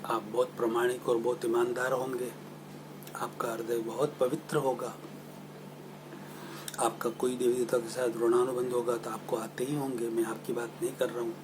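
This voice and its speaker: A man's voice: medium pitch, normal speed. Earnest man telling a story over hiss. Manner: earnest, addresses listeners as dear brothers and sisters; apologetic, humble asides. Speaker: spiritual lecturer. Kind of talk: storytelling religious talk. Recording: steady background noise.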